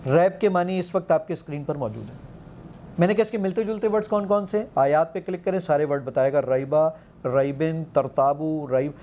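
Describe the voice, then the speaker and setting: Eager man demoing his app, mellow voice. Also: high voice, animated, a little hiss or hum. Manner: eager, quotes himself giving commands, counts aloud. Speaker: app founder demonstrating his app. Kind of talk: animated demonstration in an interview.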